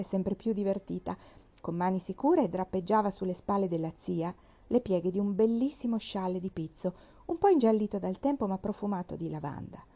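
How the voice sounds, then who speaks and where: Calm woman reading a story. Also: on the low side. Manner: calm, expressive. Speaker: reader. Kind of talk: audiobook narration.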